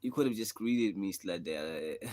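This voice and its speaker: A young South African man with a very low, deep voice talks casually on a livestream, drifting between thoughts and filling gaps with easy asides. His South African accent colors every line, and a faint hiss sits under the recording. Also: animated, slow pace, darkish tone. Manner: rambling, laid-back, frequent "you know" fillers. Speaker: livestreaming rapper. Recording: faint background noise.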